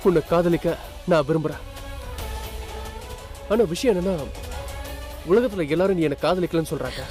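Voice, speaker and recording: A man voices a young lover hurt and bitter, speaking with emphatic accusations in a soap-opera scene. His voice sits high for a man. A faint music score plays beneath. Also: moderate pace, darkish tone, natural voice. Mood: bitter, accusing. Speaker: actor in a TV serial. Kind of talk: dubbed TV drama dialogue.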